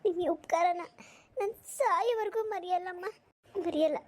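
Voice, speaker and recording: A woman voicing a poor, abandoned young mother in a cartoon, speaking softly and respectfully. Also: very high voice, normal speed. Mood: sorrowful. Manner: soft, pleading and respectful. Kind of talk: cartoon voice acting.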